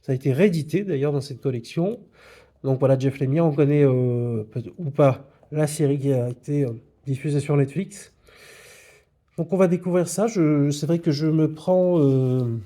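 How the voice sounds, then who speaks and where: A man's voice: a little high, normal speed, dark tone. A man presenting his comic book purchases in a casual video, with frequent hesitations. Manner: hesitant, many fillers. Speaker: comics vlogger.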